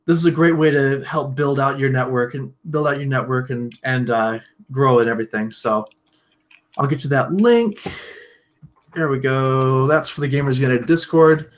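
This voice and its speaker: A man's voice: mid-range voice, moderate pace. A man on a casual online stream chat, plugging his community group in an upbeat, loosely phrased way. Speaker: podcast guest.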